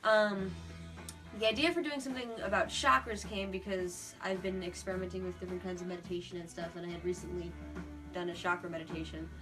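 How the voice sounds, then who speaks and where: A young adult woman, a puppeteer and theater performer, is an interview guest explaining her art in an earnest, reflective and casual way. Her fairly low voice is level and fast. The audio is poor, with guitar music playing behind her.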